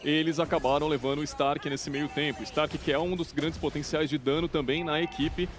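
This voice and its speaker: A man's voice: a little high, steady tone, moderate pace. A man with a Brazilian accent giving conversational analysis as a commentator on a live esports match.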